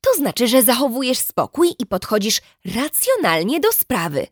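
Patient, doting mum as a woman reads her, soft and soothing, a touch high. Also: wildly swooping pitch, normal speed, dry recording, studio quality. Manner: soothing, patient, gently lecturing. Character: calm, doting mother of a teen girl and a baby.

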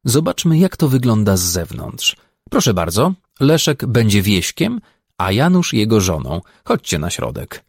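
A man voicing a brisk, commanding woman who leads a therapy group. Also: on the low side, very animated, no echo, clean studio sound, full character voice.

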